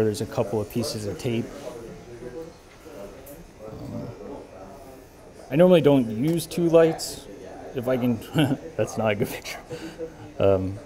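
Relaxed, rambling barber in his shop. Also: on the low side. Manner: relaxed, rambling, many fillers. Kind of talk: casual talk while working. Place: barbershop with brick walls, indoors.

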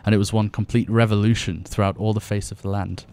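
A man's voice: on the low side, level tone, fast, a little mellow, smooth. A man who is a podcast guest, talking earnestly and reading verses aloud with feeling. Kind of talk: podcast conversation with scripture reading.

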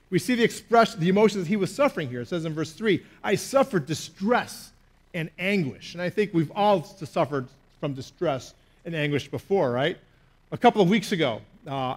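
A pastor man with a high voice preaches a sermon. He tells an animated, self-mocking story and keeps checking in with "okay?".

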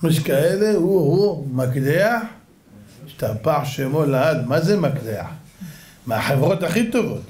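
A man's voice: on the high side, expressive, darkish tone. A man giving a religious lecture as a rabbi, telling stories animatedly and acting out voices. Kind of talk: lively religious lecture to an audience. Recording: echoey room.

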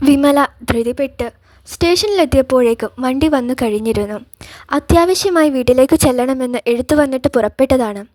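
A woman narrating a novel as an audiobook in a calm, measured voice. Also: sits high, dry recording.

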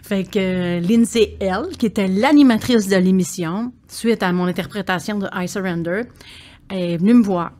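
A woman in her sixties with a Québécois French accent, a singer telling stories as a podcast guest, animated and quick to laugh. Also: mid-range voice. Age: 60s. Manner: animated storyteller, laughs often, tags phrases with "là". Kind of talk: casual conversation.

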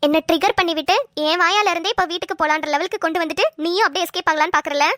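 A woman's voice: very high-pitched, racing, no echo, clean studio sound. A woman doing a chatty, teasing young wife. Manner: chatty, teasing, animated storytelling.

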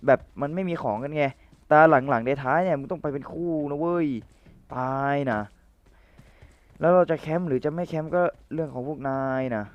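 A young man with a slightly higher-than-usual voice rattles off playful commentary over his own gameplay, chatting with teammates and viewers alike. His voice carries a touch of roughness from the cold, and a faint hiss of noise sits under it.

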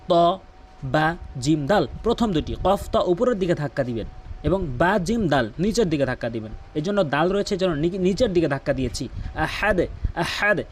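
A man teaching Quran pronunciation in a patient way, repeating words slowly so the viewer can copy them. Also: on the high side, darkish tone. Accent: Bangladeshi Bengali.

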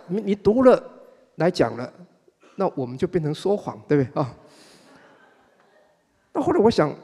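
An older man with a Taiwanese Mandarin accent giving a relaxed public talk at a book club event, chatty and wry, stretching the particles at the ends of his phrases. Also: a little high, husky. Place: performance hall before an audience. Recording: long hall reverb.

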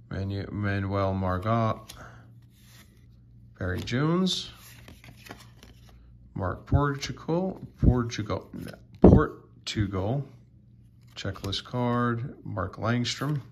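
A man casually sorting through sports cards on video, slowly reading out player names with many fillers. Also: mid-range voice, vocal fry, slight background noise. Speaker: sports card vlogger. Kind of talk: casual card sorting commentary.

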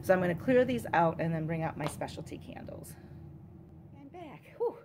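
A woman's voice: on the low side, animated, quick pace, background noise. A woman talking casually in a show-and-tell vlog, rambling chattily with plenty of fillers and reading product descriptions aloud. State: out of breath. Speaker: candle collector vlogger.

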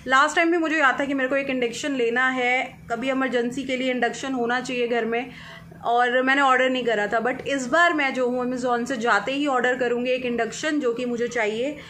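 A woman's voice: high-pitched, fairly even intonation, normal speed, fairly bright tone, a little hiss or hum. A woman vlogging casually at home, chatting to the camera and teasing her pet dog in a playful sing-song way. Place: at home indoors.

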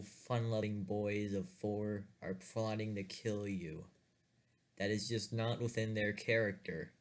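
A man's voice: on the low side, close to an everyday voice. A man doing a pompous, reasonable brother. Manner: formal, mock-grand phrasing.

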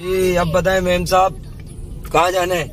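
A man's voice: high-pitched, completely flat delivery, moderate pace, background noise. A man, chatting casually to viewers in a family vlog, teasing and chatty, recorded in a car by a dashboard camera. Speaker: vlogger. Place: in a car, in city traffic.

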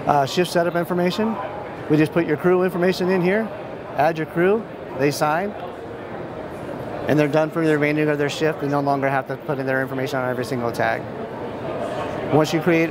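An American man in his thirties, a software company representative, gives an informal, matter-of-fact product demo step by step in a large indoor expo hall. His slightly high voice is steady and brisk with long pauses, over clear ambient noise from a busy trade show floor.

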